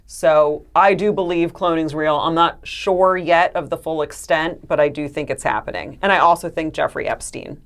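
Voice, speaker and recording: Casting: low-pitched woman, podcast co-host, earnest and chatty. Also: steady tone, normal speed, few pauses. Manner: chatty, earnest, trails into laughs. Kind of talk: casual chat.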